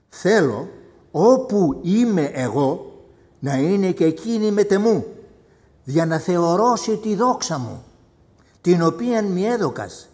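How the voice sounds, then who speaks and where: Impassioned high-voiced male preacher. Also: big-room sound. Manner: impassioned preaching, swinging between loud outbursts and hushed asides. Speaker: pastor. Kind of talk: sermon. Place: church hall.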